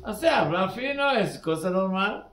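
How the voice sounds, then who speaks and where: High-voiced rabbi. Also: male voice, lively intonation, fairly bright tone, roomy sound, a little hiss or hum. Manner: halting, simple Spanish mixed with Hebrew terms. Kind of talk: weekly Torah sermon.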